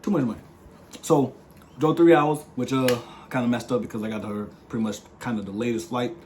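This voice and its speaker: A young man casually telling the story of how he met his partner, in a playful, slangy, animated way. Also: medium pitch, a little fast, a little hiss or hum. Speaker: vlog co-host.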